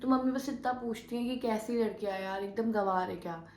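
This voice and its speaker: A young adult woman vlogging, her voice a little high and fairly quick, tells a story casually and acts out the arguments she quotes in an animated way. Her echoey room carries slight background noise.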